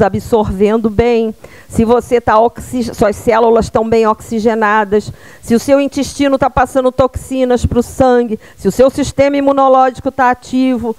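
A woman's voice: on the high side, darkish tone, no echo. Brazilian woman lecturing into a handheld mic. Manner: explanatory, with frequent "né?" and "tá?" tag questions. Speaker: nutritionist giving a health lecture. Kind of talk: public lecture. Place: small lecture room with a seated audience. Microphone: handheld microphone.

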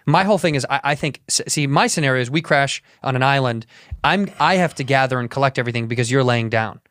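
A man's voice: quick pace, no room sound, clean studio sound. A man co-hosting a comedy podcast, teasing his partner in casual banter and laughing often. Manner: teasing, laughs often, breaks into loud high laughs. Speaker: podcast co-host.

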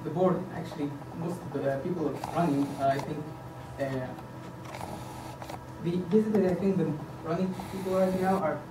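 Speaking at a podium in an indoor meeting room, a board candidate from Egypt gives an earnest campaign presentation, hesitating a lot and using many fillers. His slightly high voice holds a steady tone at a moderate pace. The far camera captures an echoey room and a background hiss.

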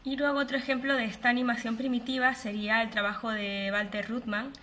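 A woman's voice: on the high side, little pitch movement, fairly quick, sharp tone. A woman, giving an online lecture from home on a webcam, explaining at length with many fillers and self-corrections. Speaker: filmmaker and researcher giving a lecture. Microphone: webcam at close range.

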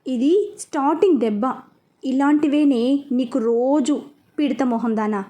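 Spiteful young man in an audio story, slow mocking asides, read by a woman. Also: sits high, warm tone. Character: scheming young man, spiteful toward cousin.

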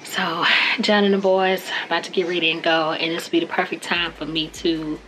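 A woman in her thirties chatting casually to her phone camera at arm's length in a bedroom, relaxed and a little sleepy as she rambles. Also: on the low side, fairly quick, background noise. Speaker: family vlogger. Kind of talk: casual vlog chat. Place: bedroom at home.

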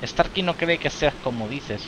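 A man's voice: fairly high pitch, lively intonation, moderate pace, noisy background, natural voice. A man reading aloud the lines of a small, curious alien creature that speaks of itself in the third person. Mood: puzzled. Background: game music.

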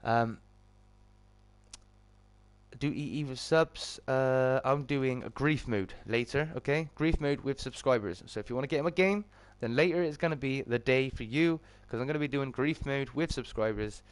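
With a slight morning croak in his medium-pitched, mid-range voice, a British man hosts a casual livestream at a moderate pace, with no room sound audible. He greets viewers warmly and chats informally as if they were his friends.

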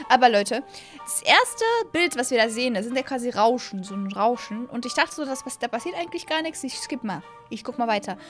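A young adult woman, a gaming video host, gives casual gameplay commentary in a fairly high, quick voice. She's excitable, repeats phrases and stumbles over her words. She's in a small indoor room at her gaming setup on a close boom-arm studio mic, with a bit of music behind.

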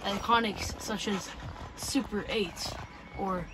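A woman's voice: mid-range voice, slow. A woman filming a casual travel vlog, joking and narrating in a playful, mock-epic way as she goes. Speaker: vlogger. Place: outdoors and in a car, on a trip. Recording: noisy outdoor vlog audio.

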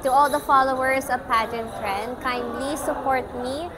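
A woman's voice: sits high, fairly even intonation, moderate pace, a crowd in the background, rough recording. A young woman who grew up in Canada, a pageant candidate answering interview questions in a bubbly, casual way, switching between English and Tagalog with many ums. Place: indoor venue with red bench.

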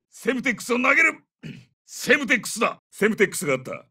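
A man's voice: very high-pitched, very animated, moderate pace, bright, forceful tone, husky, recorded from a distance, heavily acted. A man voicing a terse, battle-hardened special forces captain who calls out short, urgent tactical lines in a military shooter game. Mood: shouted, urgent. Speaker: soldier calling out combat voicelines.

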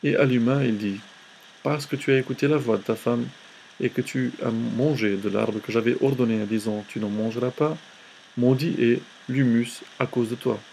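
A man lecturing on the Old Testament, reading scripture aloud at a slow, careful pace. His voice sits in an ordinary middle register, and he often stumbles and restarts words. A faint hiss of background noise runs under the recording. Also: mid-range voice, creaky, darkish tone.

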